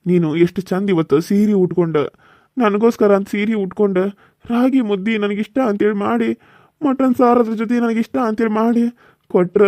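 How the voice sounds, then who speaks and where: A man's voice: sits high, fairly even intonation, a little fast, darkish tone, no echo, close to an everyday voice. A man voicing a hot-tempered young husband in a cartoon serial, pleading and apologetic, with a North Karnataka Kannada accent. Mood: remorseful. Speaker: voice actor.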